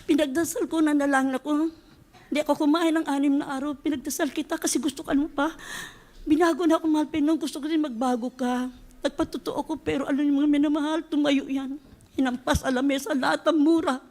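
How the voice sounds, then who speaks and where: A woman's voice: high voice, fairly even intonation, fast talker, a little mellow. A middle-aged woman giving an emotional church testimony, fervent and often addressing the congregation fondly.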